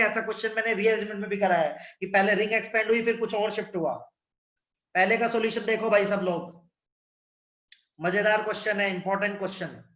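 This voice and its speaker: A high-voiced man teaching chemistry over an online class, blunt and teasing with his students. His voice booms back with a cave-like echo from the room. The sound is dull and muffled. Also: a bit bright. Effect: echoing voice, like in a cave. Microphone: no earphones, device mic.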